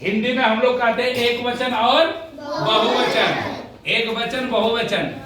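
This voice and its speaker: A man's voice: very high voice, takes it slowly, noisy background. A man teaching a grammar lesson, who asks questions and answers them himself and repeats each point. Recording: echoey room, voice from a distance.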